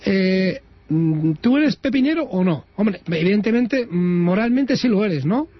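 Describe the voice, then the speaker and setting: A man hosts a local radio interview, his voice pitched high for a man. He speaks haltingly, pausing and restarting. The sound is muffled, as if from a radio broadcast. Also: animated. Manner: hesitant, halting with many pauses. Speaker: radio host.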